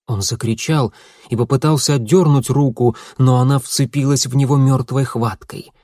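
A man narrating an audiobook in a steady, measured way. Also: medium pitch, no echo, clean studio sound.

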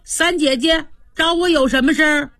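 Woman doing a shrill weeping spoiled boy. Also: steady tone, normal speed, dry recording. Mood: cocky. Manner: shrill, tearful shouting. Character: spoiled crybaby boy, whining and indignant.

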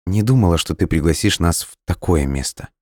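A man's voice: low-pitched, brisk, a little mellow, no room sound, clean studio sound. A man voicing a nervous, self-conscious young woman who speaks carefully. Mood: hesitant. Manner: hesitant, careful.

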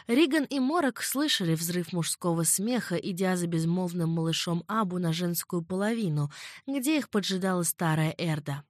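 A woman narrating an audiobook in a measured, dramatic reading. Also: lowish voice, animated, dry recording, studio quality. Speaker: audiobook reader. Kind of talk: scripted narration.

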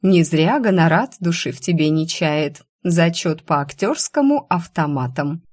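A woman's voice: low-pitched, lively intonation, unhurried, a little mellow, breathy edge, heavily acted. Woman voicing a scolding young rival student. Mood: mocking. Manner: scolding, sardonic. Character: sharp-tongued young female student rival.

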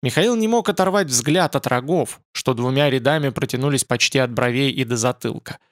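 A man narrating a fantasy audiobook in an expressive, lively reading. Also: medium pitch, a little fast, dry recording, clean studio sound.

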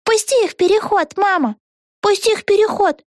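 A woman voicing a shrill, whiny little girl in a storybook, wailing and pleading in a very high voice. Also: fairly quick, dry recording, clean studio sound.

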